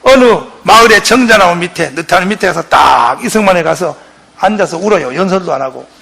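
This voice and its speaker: A male pastor giving a fiery lecture to a forum audience, emphatic, with shouted bursts and rhetorical questions. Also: high-pitched, animated, fairly quick, vocal fry, breathy edge.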